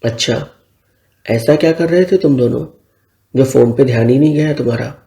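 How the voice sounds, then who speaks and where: A man's voice: medium pitch, normal speed, gravelly, warm tone, lightly acted. A man voicing a hurt elder sister. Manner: hurt, pleading, then scolding. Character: emotional young woman, elder sister, bride-to-be. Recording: roomy echo.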